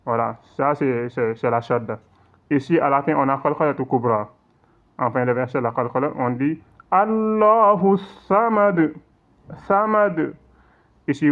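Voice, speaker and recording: A man teaching recitation rules in an online lesson, explaining patiently, checking in often, and reciting examples slowly. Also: medium pitch. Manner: patient, repetitive explaining with frequent check-ins; slow drawn-out recitation in demonstrations. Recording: tinny phone-like audio.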